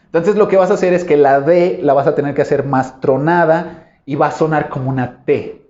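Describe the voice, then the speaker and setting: Mellow teacher in echoey room. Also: male voice, fairly high pitch, a little fast. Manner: patient, repeats and exaggerates English words to show sounds. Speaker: English teacher. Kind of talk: explanatory online lesson. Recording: roomy echo, dull lo-fi sound.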